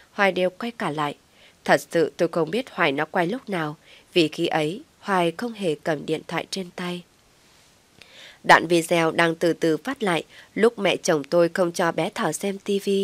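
Low-voiced woman narrating a family story. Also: dry recording. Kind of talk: first-person story narration.

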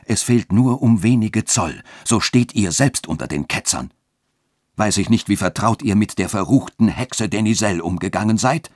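A man's voice: on the low side, lively intonation, moderate pace, a little mellow, dry recording, clean studio sound. A man reading a literary radio story and voicing a wrathful, fanatical bishop who thunders his commands. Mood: stern.

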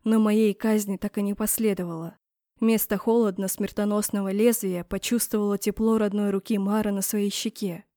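A woman narrating a fantasy novel in the first person, reading the heroine's cries with rising pitch and force. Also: level tone, normal speed, dark tone, no echo, studio quality. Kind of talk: audiobook narration.

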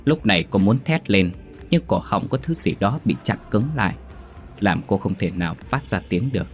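A man narrating a horror story in a steady, measured storytelling voice. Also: lowish voice, soft background music.

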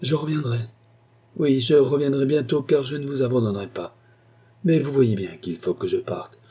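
A man's voice: medium pitch, normal speed, dark tone, breathy edge, pitched above the performer's own voice, lightly acted. A man reading an audiobook, voicing a passionate, tearful woman in pleading tones.

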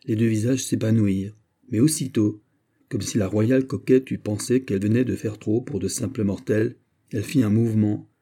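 This audiobook of a classic novel is read by a man whose voice sits on the low side, delivered in an even, measured storytelling style.

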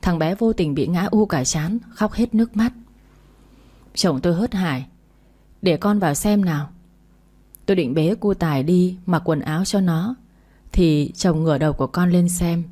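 A woman narrating a first-person family story in a calm, steady reading voice, also voicing the people in it. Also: fairly low pitch, normal speed.

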